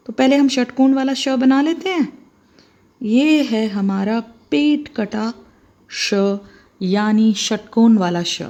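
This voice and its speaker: Slow, patient woman teaching letters. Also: fairly high pitch, a little mellow. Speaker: Hindi teacher. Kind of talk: handwriting lesson for children.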